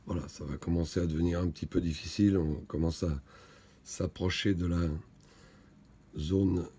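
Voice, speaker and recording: A man's voice: deep voice, fairly even intonation, normal speed, slightly rough. A man giving matter-of-fact live technical commentary as a radio operator, reporting signal and position. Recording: loud radio static and clicks. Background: radio hiss and receiver clicks.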